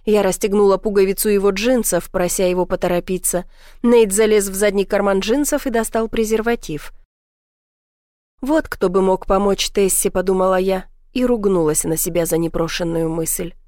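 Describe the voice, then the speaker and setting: A woman's voice: medium pitch, steady tone, a little fast, dark tone, dry recording, studio quality. A woman narrating a first-person novel as an audiobook, reading emotively.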